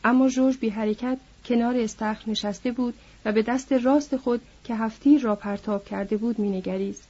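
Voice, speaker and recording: Woman narrator, measured somber audiobook reading, husky mellow voice, dull lo-fi. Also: fairly high pitch, fairly even intonation. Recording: dull lo-fi recording.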